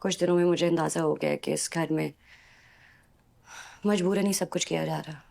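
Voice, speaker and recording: A young drama wife who is polite on the surface and defiant underneath. Her voice sits low and has a gravelly fry to it. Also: fairly even intonation, moderate pace, warm tone. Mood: quietly defiant. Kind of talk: TV drama acting.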